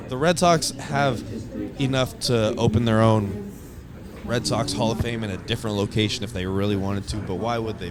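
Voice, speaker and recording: A young man narrating his stadium tour video in a casual, enthusiastic, rambling way with lots of fillers. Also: on the low side. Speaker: vlogger giving a stadium tour.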